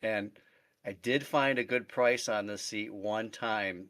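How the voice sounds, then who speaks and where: A man's voice: lowish voice, slow, a bit bright. A man on a podcast panel, chatty and telling a story. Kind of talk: casual chat.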